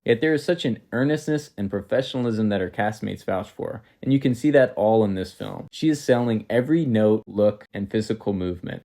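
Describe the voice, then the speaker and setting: A man narrating a scripted film review in a measured, analytical way. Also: on the low side, dark tone.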